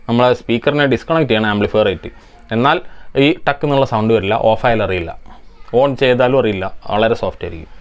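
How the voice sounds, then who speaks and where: Fast-talking man explaining electronics repair. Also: medium pitch. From India. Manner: methodical, explains step by step. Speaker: electronics repair channel host. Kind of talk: answering viewer comments, technical explanation.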